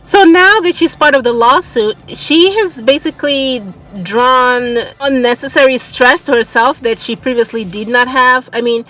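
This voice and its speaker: A woman's voice: high-pitched, moderate pace, pushed and bright, rough recording. Exasperated woman commentary host. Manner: exasperated, incredulous remarks. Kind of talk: casual commentary.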